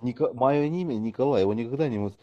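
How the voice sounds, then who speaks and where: A man's voice: medium pitch, quick pace, muffled recording, background noise. A man recruiting online hosts in a casual chat, rambling with lots of fillers and joking asides.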